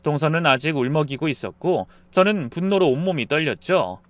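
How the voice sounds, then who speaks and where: A man narrating a dramatic family story in the first person, in a subdued, even telling. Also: a little high, a little fast, no room sound.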